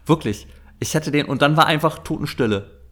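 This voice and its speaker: A man, telling a story in casual chat, animated and acting out the people he quotes. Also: fairly high pitch, brisk.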